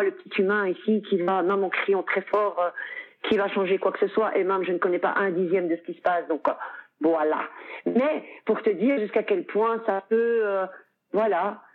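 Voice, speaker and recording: This middle-aged Belgian woman, a guest in a relaxed interview, chats openly with many fillers and bursts of laughter. She speaks fairly quickly at a medium pitch with rather even intonation, and the audio sounds thin and phone-like.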